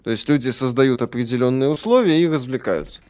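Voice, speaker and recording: A man's voice: mid-range voice, quick pace, darkish tone. A man chatting casually as co-streamer on a game stream, passing on messages from viewers. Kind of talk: casual gaming stream chat.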